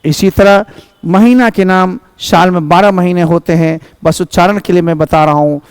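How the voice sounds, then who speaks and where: A man's voice: high voice, steady tone, moderate pace, clean tone, no room sound. A man teaching English phrases in Hindi, going over each phrase and glossing it, and calling his students his children. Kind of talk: spoken English lesson in Hindi.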